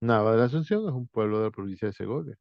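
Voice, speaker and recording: A man teacher walking students through a writing exercise, thinking aloud with frequent pauses and restarts. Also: fairly low pitch, lively intonation, creaky, no echo, dull audio.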